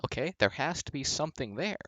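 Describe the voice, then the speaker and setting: A man's voice: on the high side, big pitch swings, fast, sharp tone, no echo. A young man co-hosting a casual podcast, rambling through jokey conspiracy theories and stories. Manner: rambling, joking conspiracy storyteller. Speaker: podcast co-host. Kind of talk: casual chat.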